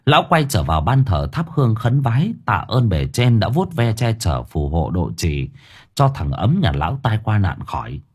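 A man's voice: on the low side, sing-song, moderate pace, breathy edge. A man narrating an audiobook story expressively.

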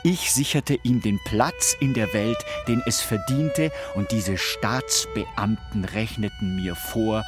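A man's voice: lowish voice, slow pace, few pauses, over music. An actor playing a proud, brooding deposed king in a theatrical, declamatory radio drama style. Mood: agitated, scornful. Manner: grandiose, declamatory.

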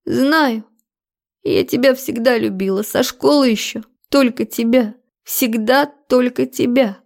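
A woman narrator puts on a hysterical young woman caught in a lie. She pleads in a high, shrill, tearful voice, clinging and desperate, while the tone stays dark and mellow. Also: steady tone, normal speed, vocal fry. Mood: pleading. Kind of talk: audiobook character voice.

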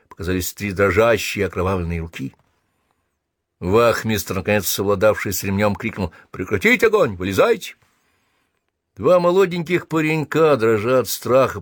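A man reading a first-person story aloud as an audiobook narrator, measured and even. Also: lowish voice, no room sound, clean studio sound.

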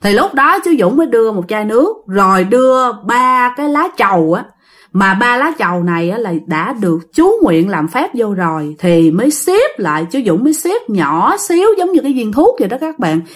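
A woman's voice: on the high side, very animated, normal speed. A woman with a Southern Vietnamese accent telling a ghost story in a chatty way, addressing listeners directly.

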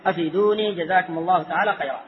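Fast, high-voiced man in a reverberant hall. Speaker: moderator reading out audience questions. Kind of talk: formal reading of submitted questions. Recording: reverberant hall, muffled lo-fi sound.

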